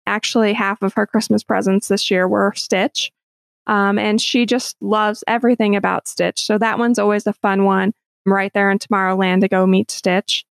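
Woman, 30s, host, casual chat, upbeat, chatty, middle pitch, dry close sound. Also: level tone, moderate pace, vocal fry, no room sound. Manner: chatty and upbeat, laughs easily.

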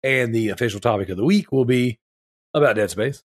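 The podcast host speaks briskly in a medium pitch, recorded dry with clean studio sound. Because he has strep throat, he breathes through his mouth and sounds wheezy, congested and snotty, rambling through a casual chat with enthusiasm and loose slang.

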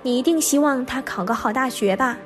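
A woman reading the lines of a calm, patient elderly male monk, asking gentle questions. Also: high-pitched, a little fast, faint music behind, natural voice.

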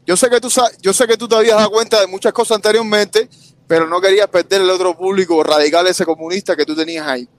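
High-voiced man pressing a question. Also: steady tone, fast, no echo. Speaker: caller on a live stream. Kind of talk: casual call-in debate.

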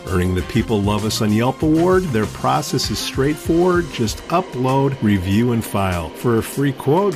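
A man's voice: medium pitch, creaky. A man hosting a podcast, reading scripted sponsor messages. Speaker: podcast host.

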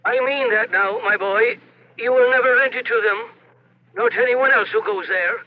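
High-pitched, foreboding old solicitor. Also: male voice. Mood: ominous, cryptic. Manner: deliberate, cryptic, avuncular. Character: penny-pinching old Irish solicitor, guarded and foreboding. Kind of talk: old-time radio drama acting. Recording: muffled, faintly noisy old radio.

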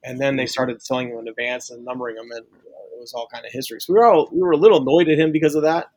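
A man's voice: medium pitch, very fast, a little mellow, no room sound. A man from St. Louis, a sportswriter guest on a casual podcast, talking earnestly and restarting his sentences as he thinks aloud. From St. Louis, USA.

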